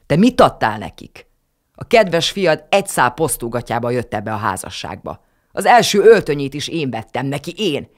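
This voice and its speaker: A woman voicing a shrill, bossy old grandmother in an audiobook. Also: lively intonation, hardly any pauses, darkish tone. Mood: scornful. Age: older. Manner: shrill and scolding.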